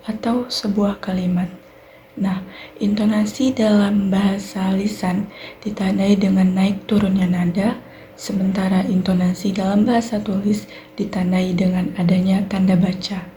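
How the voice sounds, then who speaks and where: A young woman with an Indonesian accent, a university student giving a clear, methodical recorded class presentation on sentence structure. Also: medium pitch, warm tone, a little hiss or hum. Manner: clear explanatory delivery, fillers like "nah" and "baik".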